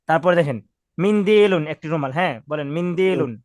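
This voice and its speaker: A man's voice: a little high, fairly quick, no echo, clean studio sound. A man teaching Arabic words to a class, patiently correcting pronunciation and leading call-and-response drills.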